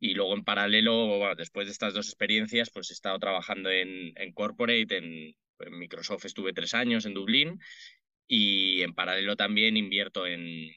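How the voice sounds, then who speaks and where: This is a man in his late thirties from Madrid, Spain, an entrepreneur chatting informally as a podcast guest in a Madrid Spanish accent. His voice sits low with fairly even intonation at normal speed, sounding bright, forceful, clear and resonant. The recording is dry and lo-fi.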